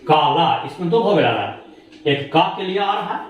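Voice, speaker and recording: A man's voice: fairly high pitch, lively intonation, normal speed, slight background noise. A male shorthand teacher giving a classroom lesson, explaining each step and asking questions he then answers himself. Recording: very echoey room, voice far from mic.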